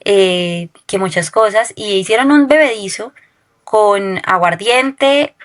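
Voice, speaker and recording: A woman's voice: medium pitch, lively intonation, takes it slowly. Woman telling a personal testimony. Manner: storytelling that keeps checking in with a questioning tag. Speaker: guest sharing a testimony.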